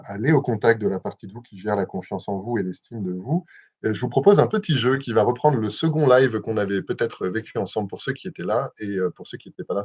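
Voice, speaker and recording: A young man hosting a live self-hypnosis session, talking gently and calmly with frequent hesitations, over a livestream mic. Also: on the low side. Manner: gentle, measured, with many hesitations. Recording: dull lo-fi livestream audio.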